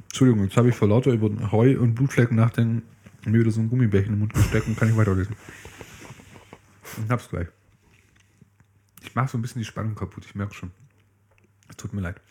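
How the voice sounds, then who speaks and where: A man's voice: lowish voice, steady tone, quick pace, long pauses, mellow, breathy edge. A man co-hosting a casual chat, reading a fairy tale aloud and breaking off with jokey asides. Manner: jokey, interrupts his own reading with asides.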